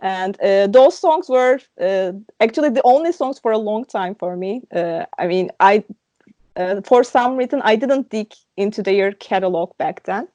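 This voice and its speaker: A woman recalls things slowly, pausing on fillers as she goes. Her recording is dry and somewhat dull, with a lo-fi edge. Her voice sits at a middle pitch. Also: warm tone, dry recording. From Turkey. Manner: reflective, hesitant with many fillers. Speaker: guest. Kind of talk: casual chat.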